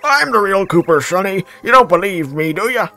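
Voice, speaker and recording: A man's voice: sits high, expressive, normal speed, pushed and bright, faint music behind, pitched above the performer's own voice, exaggerated voice. A man voicing a ghost who pretends to be a turtle companion, in a put-on British accent with chummy old-chap phrasing. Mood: smug.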